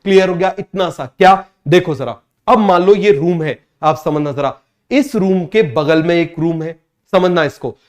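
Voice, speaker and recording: Male coaching-class teacher with a slightly high voice; drills students with repeated questions and stretches out key terms. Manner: repeats every point and asks students to call out answers; drawls key English terms slowly. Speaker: biology teacher.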